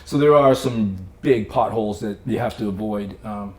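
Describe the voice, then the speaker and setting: A man's voice: fairly low pitch, moderate pace, echoey room, slight background noise. A man, an artist, telling stories about his career in a casual interview in his studio, acting out the people in his anecdotes and laughing often. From Cape Cod, Massachusetts. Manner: animated storyteller, acts out voices in anecdotes, laughs often. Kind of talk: casual storytelling conversation.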